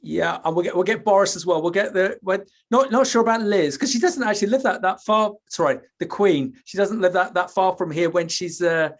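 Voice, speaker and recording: A man's voice: high-pitched, a little fast, few pauses. A British man chatting as a guest on a podcast, earnest and hesitant, with many restarts. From United Kingdom. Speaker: podcast guest, school presenter. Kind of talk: casual chat.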